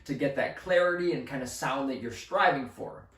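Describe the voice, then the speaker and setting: A man's voice: medium pitch, moderate pace, fairly bright tone. A young man co-hosting a music lesson, explaining in an easygoing way with frequent ums. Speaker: co-host music teacher. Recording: echoey room.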